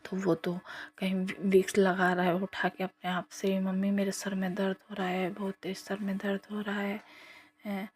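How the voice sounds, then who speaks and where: A middle-aged woman tells a devotional testimony to a congregation, narrating evenly and dropping into soft whispered asides. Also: mid-range voice, normal speed, breathy edge. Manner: flat, even storytelling with soft whispered asides.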